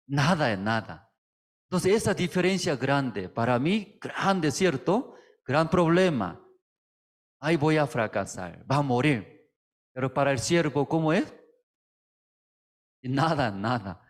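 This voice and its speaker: Un pastor predicando un sermón con frases sencillas y entrecortadas, muchos "mm" y preguntas retóricas al público. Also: male voice, medium pitch. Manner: halting, simple phrasing with frequent "mm" and rhetorical questions. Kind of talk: sermon. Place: church service, streamed online.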